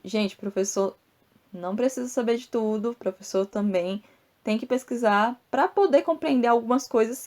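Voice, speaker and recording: A woman's voice: a little high, mellow. A woman host teaching a podcast lesson on poetry. She explains step by step, drawing out sounds and syllables and turning to listeners with little asides. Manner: explanatory, addresses listeners directly with asides like "tá, gente?"; spells out rhymes and syllables slowly.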